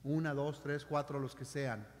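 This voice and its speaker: In a church sanctuary, a male pastor with a high voice preaches, shifting dramatically between loud emphasis and hushed lines. His tone stays steady and his pace measured while a long reverb echoes through the hall.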